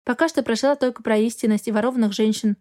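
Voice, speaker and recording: A woman voicing a young heroine who is sharp-tongued and exasperated, with sarcastic retorts. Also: on the high side, fast, lightly acted.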